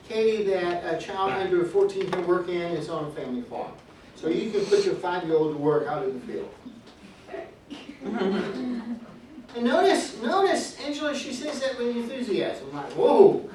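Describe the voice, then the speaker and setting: A man's voice: sits high, a little mellow, slight background noise. A man teaches a business law class, moving through his points and tossing dry jokes at students he calls by name. He sounds distant from the mic, and the classroom echoes strongly around him. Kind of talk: classroom lecture.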